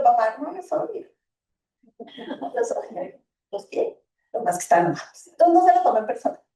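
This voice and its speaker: A woman, giving a lively parenting talk to an audience and acting out the lines of children and parents. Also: on the high side. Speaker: school talk speaker for parents. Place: hall or gym. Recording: echoey room, voice from far off.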